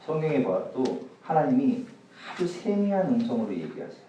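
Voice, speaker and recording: A man's voice: medium pitch, very animated, moderate pace, far from the mic, lo-fi sound, a little hiss or hum. Man preaching casually in an echoey church hall. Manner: chatty, jokes with the audience, swings loud and soft. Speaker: youth pastor. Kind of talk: casual youth sermon.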